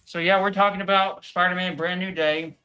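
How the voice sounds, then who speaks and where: A man co-hosting a livestream review, talking in a casual, hurried way with many fillers over a video call. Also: high-pitched, fairly even intonation, bright, forceful tone. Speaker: co-host.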